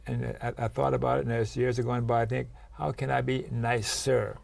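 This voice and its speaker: A male host and therapist who interviews with persistent, probing questions and a gravelly, husky voice. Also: mid-range voice, little pitch movement, brisk, darkish tone.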